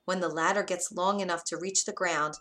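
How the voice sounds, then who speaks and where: A woman voicing a gentle young maiden in a storybook reading, soft and earnest. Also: on the low side, steady tone, brisk, lightly acted. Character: timid, gentle young maiden locked in a tower.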